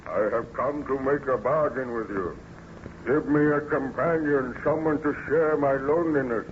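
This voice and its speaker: A man's voice: mid-range voice, moderate pace, close to an everyday voice. A man playing a lonely, bitter, menacing monster in an old-time radio horror drama, with solemn, declamatory delivery. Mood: pleading. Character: lonely, bitter, menacing male monster who learned to speak. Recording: muffled, noisy vintage radio recording.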